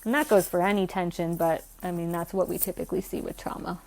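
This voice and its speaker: A woman's voice: fairly low pitch, steady tone, fast, creaky, a little mellow. A young adult woman, a physical therapist, explaining her clinical work earnestly in a conversational podcast interview. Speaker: pelvic floor physical therapist guest.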